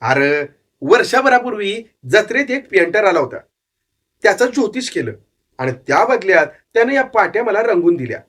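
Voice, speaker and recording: A man's voice: high-pitched, big pitch swings, normal speed, a bit bright, voice pushed up, full character voice. A man voicing a shrewd, cynical old male street fortune-teller who talks bluntly and knowingly in a narrated story. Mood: amused, knowing. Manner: blunt, scolding, worldly.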